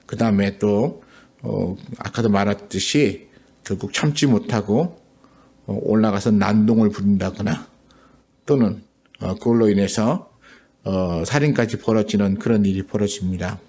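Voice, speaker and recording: A middle-aged man preaching a sermon as a pastor, in an easy conversational way with many pauses and filler sounds. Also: lowish voice, a little mellow.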